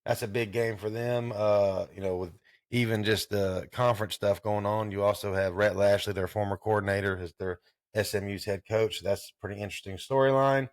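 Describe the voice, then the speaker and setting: A man's voice: lowish voice, steady tone, fairly quick, no room sound, studio quality. Laid-back profane man in his thirties. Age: 30s. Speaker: podcast host. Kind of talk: casual sports chat.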